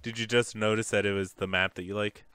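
A young man hosting casual gameplay commentary, joking and laughing often, with excitable bursts. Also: lowish voice, fast talker, clean tone, no room sound. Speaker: gaming channel host.

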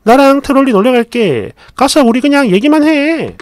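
A man's voice: very high voice, animated, normal speed, dry recording, clean studio sound, pitched above the performer's own voice. A man voicing a rude, mocking young mother who talks bluntly and scornfully, in a first-person story read aloud.

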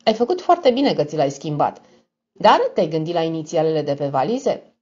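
A woman's voice: deep voice, big pitch swings, warm tone, breathy edge, full character voice. A woman voicing a smug, mocking young male blackmailer with an affected tone. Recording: dull lo-fi recording.

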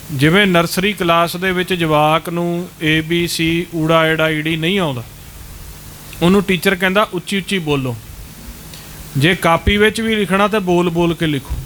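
A man preaching a religious sermon, first chanting slowly, then explaining in a steady teaching manner. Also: high-pitched, a little hiss or hum. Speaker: preacher giving religious discourse. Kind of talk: sermon with chanting and quoted verse. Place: large temple hall.

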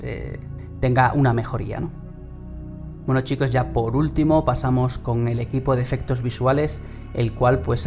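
Spanish guy from spain doing the monthly game news on his channel, home mic, lots of "pues" and "eh", music playing behind. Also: medium pitch. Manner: reads steadily with casual fillers. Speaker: gaming channel host. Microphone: home studio microphone. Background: background music.

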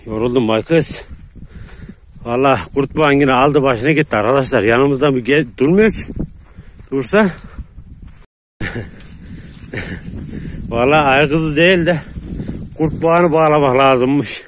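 A man's voice: mid-range voice, a little slow, pauses often, a little hiss or hum. A man chatting casually to viewers while calling and praising his dogs in the countryside, coaxing them over and over. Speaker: dog owner vlogger. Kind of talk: casual vlog narration while handling dogs. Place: outdoors in rural countryside.

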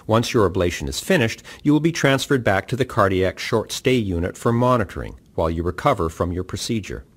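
A man giving calm, measured scripted narration for a patient orientation video. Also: on the low side. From Canada. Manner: calm, measured instructional delivery.

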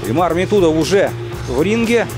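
A man giving live boxing commentary in measured, short phrases with pauses. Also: high-pitched, lively intonation, music in the background.

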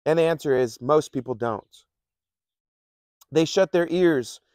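A man's voice: a little high, unhurried, darkish tone, no room sound, studio quality. A man preaching a casual, conversational sermon, often repeating himself and chuckling between points. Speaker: pastor.

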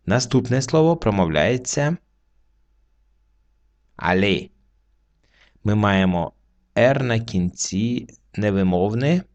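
Man, language teacher, lively intonation, gravelly, patient explaining. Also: fairly low pitch. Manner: slow, patient explaining with pauses. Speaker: French teacher. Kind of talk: word-by-word reading lesson.

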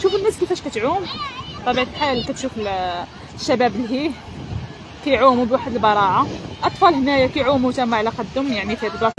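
An energetic, chatty woman with a Moroccan Arabic accent gives unscripted live commentary as a field reporter, often repeating herself. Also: on the high side. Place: outdoors at a seaside beach. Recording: noisy outdoor beach with crowd sounds.

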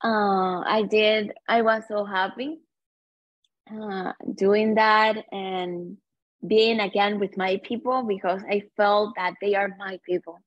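Slow, earnest woman. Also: mid-range voice, fairly even intonation, dry recording. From Cuba. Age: 30s. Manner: earnest, halting non-native English with many fillers. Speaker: guest. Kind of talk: personal storytelling interview. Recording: slightly dull recording.

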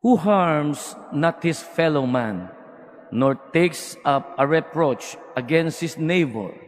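Slow male lector in cathedral echo. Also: fairly high pitch, lively intonation. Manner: deliberate, phrase by phrase. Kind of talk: solemn scripture and psalm reading. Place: large cathedral.

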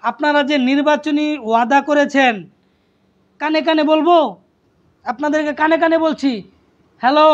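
A man making an impassioned public appeal, pleading and repeating phrases, full of rhetorical questions. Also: very high-pitched. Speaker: activist. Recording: dull lo-fi sound.

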